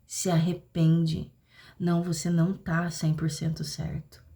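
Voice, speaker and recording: A woman's voice: on the low side, monotone, a little slow, mellow. A woman preaching in a live prophetic class, urgent and pleading, often dropping to a whisper. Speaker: prophetic teacher.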